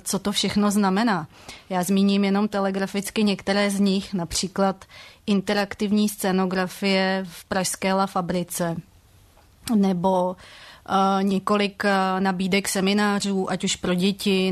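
A woman talking as a guest on a radio talk show. Her pitch stays flat and level, and she hesitates often, filling gaps with drawn-out sounds. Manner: hesitant, many filler sounds. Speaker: theatre journalist guest. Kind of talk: radio studio chat.

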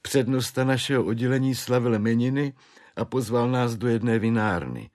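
A man's voice: medium pitch, darkish tone, voice pushed up, close to an everyday voice. A desperate middle-aged clerk whines and pleads in a raised, strained voice that sounds pinched and unlike a plain speaking voice. He lurches between begging and self-pity, as a male narrator puts him on for a storybook reading. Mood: rambling confession. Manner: wailing, pleading, self-pitying.

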